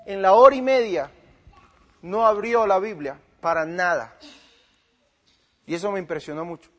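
A man's voice: high voice, moderate pace. A man preaching, retelling an argument with another pastor and quoting both sides of the dialogue. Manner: retells a debate with quoted dialogue, swinging from loud to quiet. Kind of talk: sermon-style storytelling.

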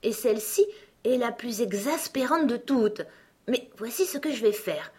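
A woman's voice: lively intonation, moderate pace, mellow, husky. A woman voicing a curious, polite little girl who speaks eagerly and in wonder. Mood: puzzled. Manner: eager, wondering, high-pitched.

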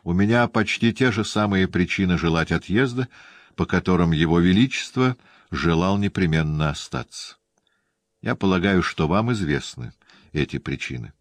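A man reading the part of a calm, composed nobleman in an audiobook, speaking in a dry, even way. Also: sits low, normal speed, dry recording.

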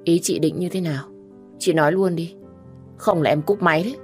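A woman's voice: on the low side, a little fast, a little mellow, faint music behind, natural voice. A woman voicing a stubborn, guarded young woman. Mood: cold. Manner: curt, guarded.

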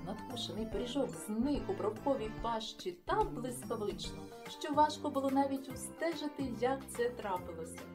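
A woman reading a children's story aloud with an expressive, lively storytelling manner. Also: on the high side, normal speed, hardly any pauses, music in the background. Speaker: audiobook reader. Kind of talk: children's audiobook narration.

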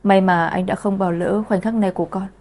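A woman voicing an affectionate young pregnant wife in a storybook reading, speaking gently. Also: medium pitch, fairly even intonation, a little fast, natural voice. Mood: tender.

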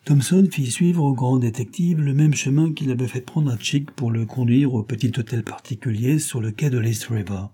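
A man reading a detective novel aloud as steady scripted narration. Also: mid-range voice, moderate pace, hardly any pauses, breathy edge. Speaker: audiobook reader.

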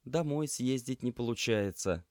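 A man reading an audiobook, voicing a grumpy young female student activist who grumbles in a raised but quiet voice. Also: mid-range voice, expressive, moderate pace, dry recording, clean studio sound, voice pushed up, lightly acted. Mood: grumbling. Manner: grumbling, sulky.

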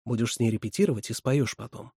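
A man's voice: mid-range voice, quick pace, a little mellow, breathy edge, no room sound, studio quality. A man doing a cheeky teenage camp boy. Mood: teasing. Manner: teasing, whiny.

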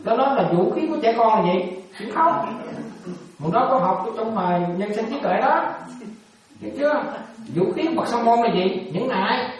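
A woman's voice: fairly high pitch, lively intonation, normal speed, crowd noise. Woman teacher quizzing students. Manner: keeps quizzing listeners, chuckling, casual. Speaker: Buddhist teacher. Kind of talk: dharma talk with questions to students. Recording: very echoey room, mic at a distance.

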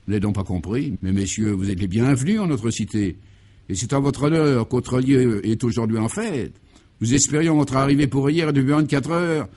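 A man's voice: mid-range voice, moderate pace, mellow, natural voice. A man voicing a pompous male secret-service officer who speaks with stiff formal courtesy. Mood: reassuring. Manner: formal, courteous, then barking orders.

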